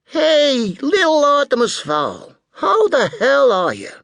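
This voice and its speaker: A man's voice: very high voice, huge pitch swings, takes it slowly, gravelly, no room sound, pitched above the performer's own voice, full character voice. A man voicing a brash, effusive middle-aged American tycoon in an audiobook. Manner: loud and effusive.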